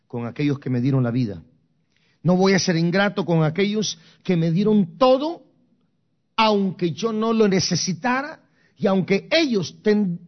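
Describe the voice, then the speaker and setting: An older man from Guatemala with a Guatemalan accent, giving an emotional sermon testimony with dramatic storytelling that swings from loud to soft. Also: high-pitched. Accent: Guatemalan Spanish. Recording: dull lo-fi recording.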